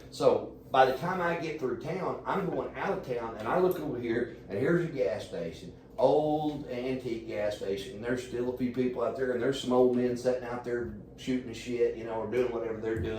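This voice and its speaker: A man telling a long, profane story in a rambling, animated way as a podcast guest. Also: mid-range voice. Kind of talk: casual storytelling. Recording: echoey room, distant mic, faint noise.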